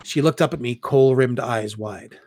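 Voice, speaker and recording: A man reading first-person fiction aloud, with expressive storytelling as an audiobook reader. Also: mid-range voice, moderate pace, no room sound, clean studio sound.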